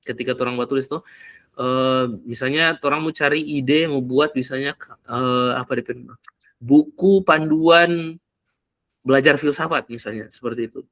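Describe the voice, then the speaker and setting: A man explaining in casual talk, often pausing to search for words. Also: mid-range voice, steady tone, fairly bright tone, dry recording. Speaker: speaker explaining AI tools for learning English.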